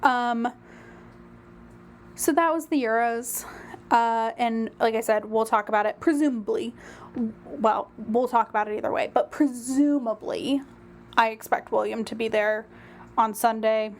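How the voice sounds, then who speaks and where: A woman's voice: on the high side, measured pace, a little hiss or hum. Chatty woman, rambling commentary. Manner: chatty, rambling, frequent ums. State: a little out of breath. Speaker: royal news commentator. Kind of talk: casual solo commentary.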